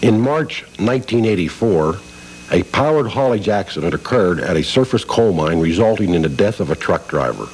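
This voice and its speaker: Male narrator, very low voice, measured formal read, worn VHS tape copy with faint hiss and hum. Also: expressive, darkish tone, low-quality recording. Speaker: safety video narrator. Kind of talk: scripted narration.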